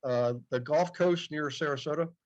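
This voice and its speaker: A slightly high-voiced man in his late fifties speaks at a moderate pace as a podcast guest, relating stories in a relaxed, chatty interview and often saying "yep." The sound quality is dull and muffled.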